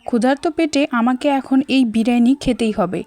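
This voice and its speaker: High-voiced, lively woman storyteller. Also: moderate pace, dry recording. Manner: lively, dramatic, comic storytelling. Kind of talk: first-person audio story narration.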